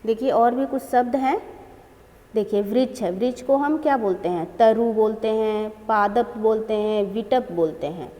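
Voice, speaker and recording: A woman's voice: a little high, unhurried, dark tone, long reverb tail. A woman teaching a grammar lesson to children, explaining and repeating each word.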